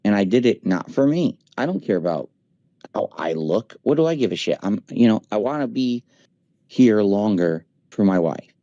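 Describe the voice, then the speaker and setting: A man's voice: lowish voice, animated, normal speed, mellow, dry recording, dull audio. A man in his forties in a casual voice chat, talking emphatically and venting with profanity. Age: 40s. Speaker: streamer. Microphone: voice chat mic.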